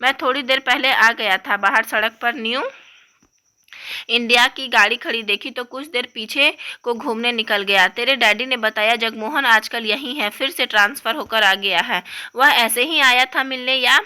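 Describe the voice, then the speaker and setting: A woman's voice: on the high side, moderate pace, pushed and bright, clear, resonant tone. A woman voicing a kindly middle-aged man, a family friend who soothes and coaxes. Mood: gentle. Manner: soothing, coaxing.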